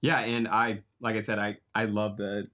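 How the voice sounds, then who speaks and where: A man's voice: on the low side, flat delivery, normal speed, sharp tone. A young man answering as a guest, hesitant and thoughtful with many fillers. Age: young adult. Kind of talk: casual interview answer.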